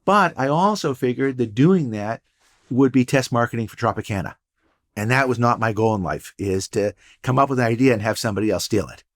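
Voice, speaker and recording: A man's voice: mid-range voice, expressive, brisk. An older man, a guest entrepreneur and professor, telling stories in a casual interview with dry, punning humor. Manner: storytelling, wry and punning.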